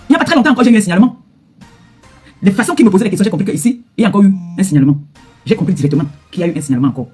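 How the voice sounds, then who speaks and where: Middle-aged woman influencer, rapid-fire and husky, confrontational rant to camera, repeats her retorts, faint music underneath. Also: mid-range voice, dark tone. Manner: heated, repetitive, confrontational retorts. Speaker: social media influencer. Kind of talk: angry direct-to-camera rant.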